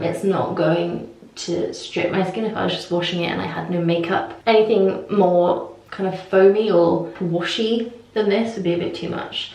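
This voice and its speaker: A woman's voice: mid-range voice, slight background noise. A woman vlogger talking casually to camera in an echoing bathroom, chatty and informal with little self-deprecating asides. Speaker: beauty vlogger. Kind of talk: casual chat to camera, morning routine walkthrough. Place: small indoor bathroom. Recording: echoey tiled bathroom.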